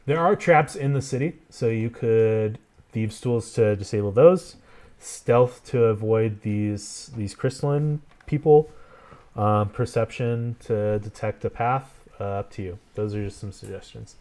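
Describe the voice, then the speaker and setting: Halting male game master. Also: medium pitch, a little mellow. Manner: halting, filler-heavy narration. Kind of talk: narrating a tabletop game.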